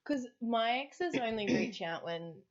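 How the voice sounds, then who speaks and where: A woman co-hosting a podcast, telling anecdotes in animated casual chat and laughing easily. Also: a little high, measured pace, highs cut off. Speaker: podcast co-host.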